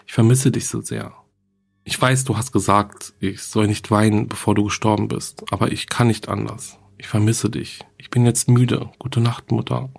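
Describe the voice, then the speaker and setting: A man's voice: on the low side, level tone, normal speed, gravelly, a little mellow, breathy edge. A man reading the diary entries of a frightened young schoolgirl who writes to her dead mother.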